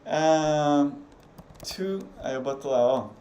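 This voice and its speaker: A middle-aged Brazilian man teaching English on an unedited live stream, chatty and explaining slowly with many fillers. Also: fairly high pitch, mellow. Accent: Brazilian Portuguese. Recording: echoey room with faint background hum.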